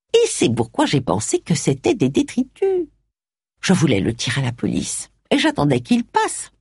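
A woman voicing a very old, sly and gossipy lady, in a high, quavering, drawn-out voice. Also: darkish tone, breathy edge, dry recording, clean studio sound, full character voice.

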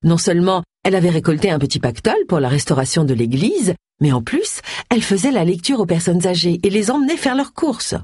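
A woman narrating an audiobook in a wry, lively storytelling manner. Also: on the low side, fairly quick, hardly any pauses, husky, dry recording, studio quality. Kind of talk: scripted narration.

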